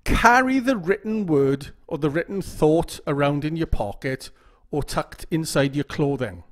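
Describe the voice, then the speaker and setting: A man's voice: a little high, lively intonation, unhurried. A man giving casual instructional talk to camera, often repeating phrases and checking in with "okay?". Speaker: YouTube OCD educator.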